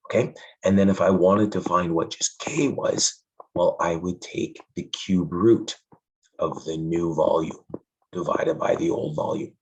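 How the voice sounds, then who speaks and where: A man's voice: low voice, unhurried, poor audio. A male math teacher, losing his voice, explains a lesson in a friendly way and stresses the key points to his students.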